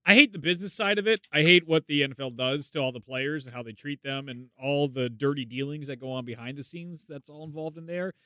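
Bright, highish-voiced male podcast host. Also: fairly quick, hardly any pauses, smooth, no echo. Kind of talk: casual podcast chat.

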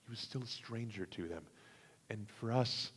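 A man preaching a sermon, with dramatic swings between hushed, slow passages and loud, emphatic ones. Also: on the low side, a little hiss or hum. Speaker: pastor. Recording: long hall reverb.

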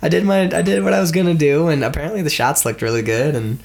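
A young man with a high-ish voice and vocal fry talks quickly, sounding congested and stuffed up from a cold. He co-hosts a casual podcast and rambles through a story, laughing along the way.

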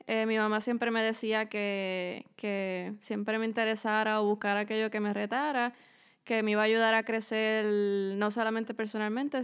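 Her fairly high voice sounds a little bright, clear and resonant as this young woman from Puerto Rico, a university student, fields questions in a podcast interview. She speaks Puerto Rican Spanish in a measured way, often pausing on fillers.

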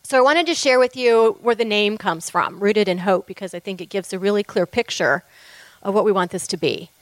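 A woman's voice: medium pitch, brisk, no echo. A woman co-founder of a ministry telling a church group her story in a candid, heartfelt testimony with light laughter.

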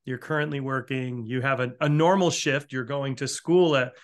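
A man from the Newport, Rhode Island area of the northeastern US interviews a chef in a conversational way. His voice is mid-range, with fairly even intonation at a normal speed, and his questions run long and enthusiastic with frequent restarts.

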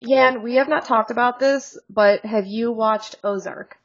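A woman's voice: fairly high pitch, a little slow, muffled recording. A woman co-hosting a podcast in casual chat, joking and rambling with frequent laughs, over a video call. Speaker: podcast co-host.

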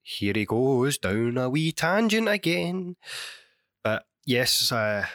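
A Scottish man in his thirties, hosting a casual solo podcast, a little hoarse and bunged up with a cold, chatty and prone to rambling asides. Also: on the low side, fairly bright tone, no room sound, clean studio sound. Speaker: podcast host and university chemistry lecturer. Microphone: microphone.

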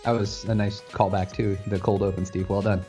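A man's voice: fairly low pitch, flat delivery, a little fast, dark tone, faint music behind. A man hosting a podcast in an informal, jokey, chatty way. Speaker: podcast host. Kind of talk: casual chat.

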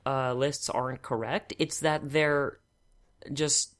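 A man's voice: on the high side, steady tone, slow pace, fairly bright tone. A man hosting a podcast in a casual, wry, joking way. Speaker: podcast host. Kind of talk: casual chat.

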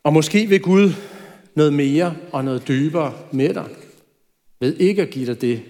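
Slightly high-voiced male preacher, reverberant. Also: darkish tone. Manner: conversational preaching with light asides. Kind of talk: sermon. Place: church. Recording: reverberant church hall.

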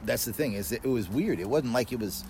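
A man's voice: medium pitch, animated, fast talker. A man telling a personal story in a casual, conversational fireside storytelling manner, with loose colloquial phrasing. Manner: colloquial, mild swearing. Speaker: guest telling personal stories. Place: outdoors in a backyard. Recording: noisy outdoor ambience with vehicle sounds.

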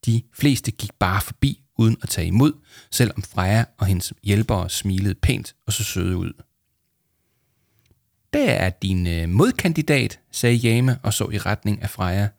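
A man calmly reading a children's book aloud as narrator. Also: fairly low pitch, creaky, no echo, studio quality.

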